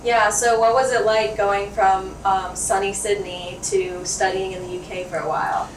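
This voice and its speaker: A woman's voice: medium pitch, steady tone, moderate pace, recorded from a distance, slight background noise. Upbeat woman interviewer, echoey room. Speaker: interviewer, host. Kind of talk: casual interview.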